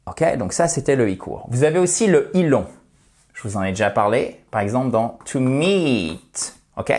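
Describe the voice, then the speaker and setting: A man whose first language is French, teaching an English pronunciation lesson and demonstrating words with careful, drawn-out stress. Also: mid-range voice, big pitch swings, darkish tone.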